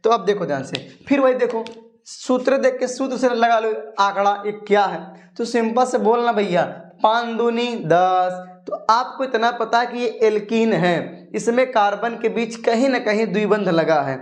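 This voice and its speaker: A high-voiced male chemistry teacher runs a casual coaching class. He is chatty and coaxing, and keeps firing questions at his students before answering them himself. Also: normal speed. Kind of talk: casual coaching lesson at a board.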